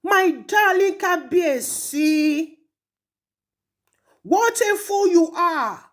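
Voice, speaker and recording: With a very high voice and an expressive delivery, a woman with a Nigerian accent speaks extremely slowly. She taunts and rebukes someone who isn't there, using two languages and heavy stress on her words.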